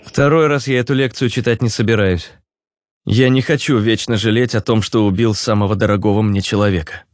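A man's voice: fairly low pitch, steady tone, fairly quick, no echo, clean studio sound, pitched above the performer's own voice, close to an everyday voice. A man voicing a blind young man who speaks in a curt, exasperated way, for an audiobook. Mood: irritable.

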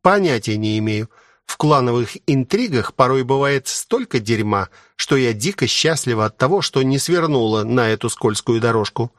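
A man voicing a sharp-tongued older sister who talks in a brusque, scolding way. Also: medium pitch, lively intonation, normal speed, dry recording, studio quality, close to an everyday voice.

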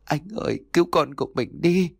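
A man voicing a young pregnant wife who is fierce and terrified, with a shrill, pleading manner. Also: expressive, normal speed, no echo, studio quality.

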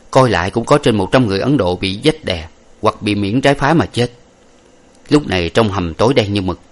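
A man narrating an old adventure novel aloud in a steady, literary storytelling manner. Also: on the low side.

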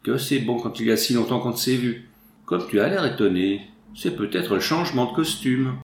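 A man voicing a loud, jovial young country soldier who talks bluntly and boisterously. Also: moderate pace, roomy sound, a little hiss or hum, close to an everyday voice. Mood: hearty. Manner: boisterous, booming country talk.

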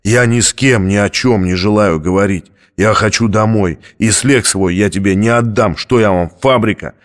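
A man's voice: lowish voice, normal speed, natural voice. A man reading an audiobook, voicing a desperate, irritable man who pleads and snaps. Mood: furious. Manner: snapping, pleading, muttering.

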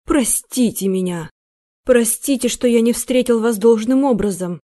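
A woman's voice: mid-range voice, lively intonation, a little slow, warm tone, no echo, clean studio sound, natural voice. A woman voicing an obsessed, frantic thin man in his thirties, pleading in a rapturous way.

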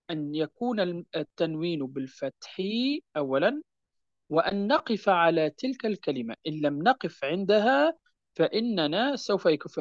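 A man teaching a lesson on Quran recitation rules, patiently repeating key points and slowing down to recite verse examples. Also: a little high, dry recording, dull audio. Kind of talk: explanatory lesson on tajweed.

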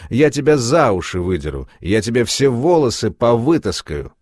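A man's voice: very animated, brisk, a little mellow, dry recording, clean studio sound. A man voicing an irritable, spiteful seamstress woman who snaps and complains resentfully. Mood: furious. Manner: shrill, resentful.

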